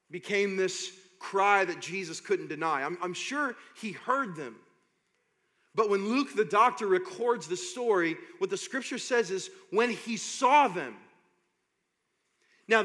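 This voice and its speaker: A man preaching a sermon as pastor, reading scripture slowly and building to loud, impassioned preaching. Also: a little high. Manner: reads scripture slowly and deliberately. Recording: long hall reverb.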